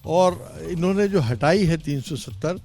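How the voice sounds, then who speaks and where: A man's voice: on the high side, lively intonation, measured pace, darkish tone, soft background music. Argumentative man in a street debate. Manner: argumentative, insists on not being interrupted. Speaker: party spokesman in a debate.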